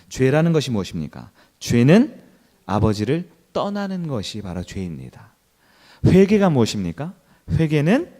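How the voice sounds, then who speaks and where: A male pastor giving a sermon in church, telling a story with acted-out quotes and swinging between soft and loud. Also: on the high side.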